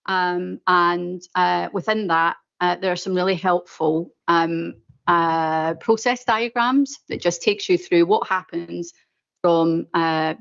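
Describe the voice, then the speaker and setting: A woman with a Glaswegian accent giving a semi-formal update at a meeting, pausing often mid-sentence in a hesitant way. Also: on the low side, fairly even intonation, gravelly, a bit bright, clear, resonant tone, highs cut off. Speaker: presenter of a planning update at a meeting.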